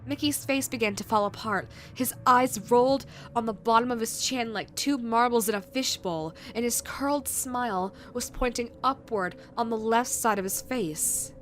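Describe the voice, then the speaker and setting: A woman reading a scripted creepypasta horror narration in a measured way, with dramatic pauses. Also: on the high side, a bit bright, a little hiss or hum. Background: background music.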